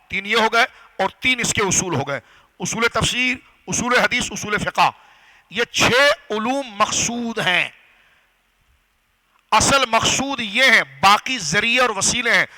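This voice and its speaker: A man preaching a religious lecture to a gathering, teaching step by step, asking the audience questions and slowing down on key phrases. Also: sits high, pushed and bright, low-quality recording. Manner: didactic, rhetorical questions to audience. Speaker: Islamic scholar and preacher. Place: gathering hall.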